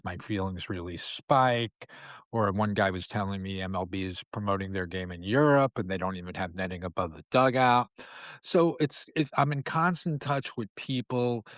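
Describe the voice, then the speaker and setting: Rambling low-voiced man hosting a talk. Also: fairly bright tone, no echo, studio quality. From New York City. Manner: rambling, frequent fillers and restarts. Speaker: podcast host. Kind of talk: casual monologue.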